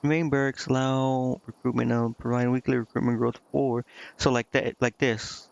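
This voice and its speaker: With game music running underneath, a man streams a strategy role-playing game and talks himself through it in a casual mutter. His medium-pitched voice is flat, gravelly and slightly mellow, delivered at a moderate pace, and the sound quality is lo-fi.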